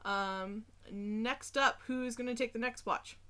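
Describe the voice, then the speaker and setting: A woman narrating as game master of a tabletop game, her voice a little high and very bright. She talks in an easygoing way, with plenty of fillers as she moves the scene along. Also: steady tone, slow.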